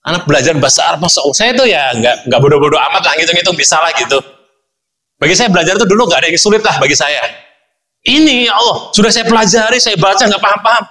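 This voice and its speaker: Bright-voiced male preacher telling stories. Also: sits high, quick pace. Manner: animated storyteller, acts out dialogue, addresses congregation often. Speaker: Islamic preacher. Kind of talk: sermon with personal storytelling.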